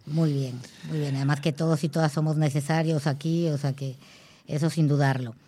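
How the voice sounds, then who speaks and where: A woman's voice: sits low, steady tone, normal speed, warm tone, slight background noise. A woman hosting a radio interview, asking supportive questions that end in probing tags.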